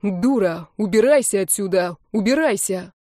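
A woman's voice: mid-range voice, animated, normal speed, warm tone, no echo, clean studio sound, natural voice. A woman voicing an angry older grandfather who commands sternly through clenched teeth. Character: furious protective grandfather, older man.

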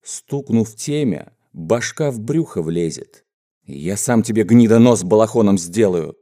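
Man playing a gruff, menacing bandit boss. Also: fairly low pitch, animated, mellow. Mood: threatening. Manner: gruff, slow, threatening speechifying. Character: menacing mustached male bandit gang boss.

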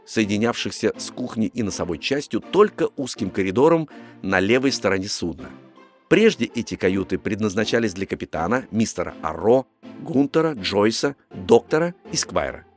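A man narrating a first-person adventure audiobook in a steady, expressive reading. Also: fairly low pitch.

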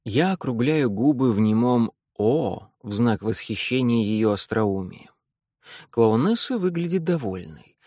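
A man narrating an audiobook in the first person, wry and deadpan. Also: mid-range voice, unhurried, no echo, clean studio sound.

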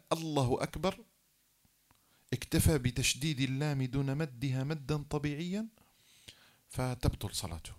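A man giving a classroom lecture, explaining rules one by one and repeating key phrases. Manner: acts out example phrases, then drops low to rule them invalid.

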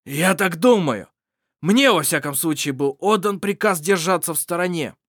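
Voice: mid-range voice, expressive, normal speed, no echo, clean studio sound, voice pushed up. A reader doing a bitter, hissing stubborn servant. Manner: harsh, shouting, hissing.

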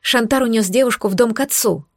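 A woman voicing a gentle, caring young sister who speaks in an urgent, pleading way. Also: on the high side, fast, no room sound, clean studio sound.

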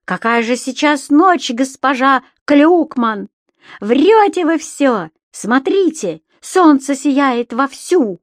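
Woman doing a shrill cheeky imp. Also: big pitch swings, unhurried, no echo, studio quality, exaggerated voice. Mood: taunting. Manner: gleeful, teasing, shrill shouts. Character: cheeky mischievous little snouted creature, male.

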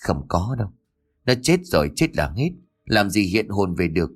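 A man voicing a stern middle-aged man with a dark secret, scolding and curt, in a spoken ghost story. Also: low voice, very animated, moderate pace, husky, exaggerated voice. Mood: muttering.

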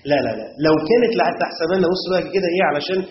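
An Egyptian-accented man teaching a class at a quick clip in a high voice, and he keeps stopping to quiz the students. The recording is roomy and dull, with a faint hiss behind him. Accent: Egyptian Arabic. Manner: quizzes the class with rhetorical checks. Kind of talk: classroom lesson on Quran commentary grammar.

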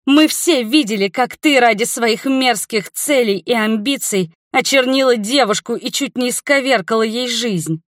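A woman's voice: on the high side, normal speed, no room sound, pitched above the performer's own voice, natural voice. A woman playing a fiery anxious young heroine in a fantasy storybook, raised voice, dry close sound. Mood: furious. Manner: agitated, shouting in anger.

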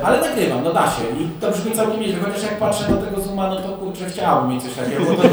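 A man podcaster talking casually in a panel chat, in an easygoing, rambling way. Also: fairly high pitch. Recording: very echoey room, distant mic, faint hiss.

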